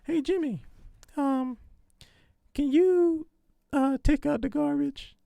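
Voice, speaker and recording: A man putting on a high falsetto voice to play a wife asking her husband to take out the garbage. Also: takes it slowly, vocal fry, warm tone, no echo, studio quality, full character voice. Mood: coaxing. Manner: high sweet nagging voice.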